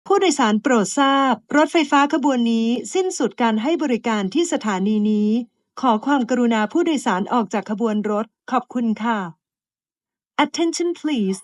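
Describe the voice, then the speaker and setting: A woman's voice: on the high side, dry recording, clean studio sound. A woman voicing recorded train announcements in a polite, formal, evenly paced way. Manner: polite, measured, evenly spaced phrasing. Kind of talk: formal bilingual transit announcement.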